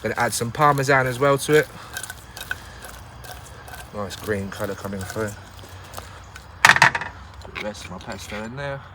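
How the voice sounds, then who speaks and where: This man hosts a relaxed cooking show outdoors in the woods, narrating every step with lots of jokes and frequent laughter. He has a fairly low voice and a measured pace, pausing often. Heavy noise fills the audio.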